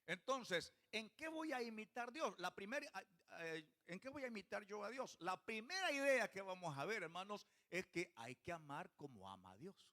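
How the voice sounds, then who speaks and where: A high, bright male voice delivers a church sermon. He keeps questioning the congregation as he preaches. His tone is sharp and forward. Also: big pitch swings, moderate pace. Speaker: pastor.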